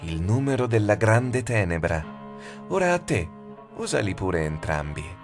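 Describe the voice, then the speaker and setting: A man voicing a sinister faceless shadow woman who speaks softly, taunting and cold, in an audiobook. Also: fairly low pitch, very animated, a little slow, over music. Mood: triumphant. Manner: soft, taunting, half-whispered. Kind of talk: audiobook character voice.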